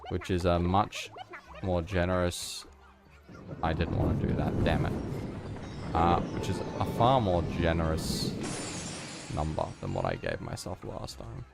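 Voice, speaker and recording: A man with a very low, gravelly voice talks casually over his gameplay, mumbling and poking fun at himself. Faint game music sits softly underneath, and his tone stays loose and offhand. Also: very animated, measured pace, pauses often. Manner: mumbling, self-deprecating asides. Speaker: gamer.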